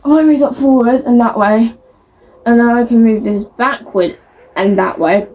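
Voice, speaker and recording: A woman with a fairly high voice talks casually to her viewers as a book vlogger. She reads blurbs aloud, stumbles over words and laughs at herself as she goes. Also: measured pace, muffled recording. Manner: chatty, self-mocking, stumbles over words.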